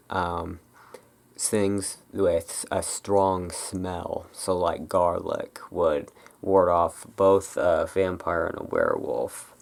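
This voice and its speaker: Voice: low-pitched, creaky. An ASMR creator chatting casually and off the cuff, rambling and hesitant, often trailing off. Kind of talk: casual improvised ASMR chat.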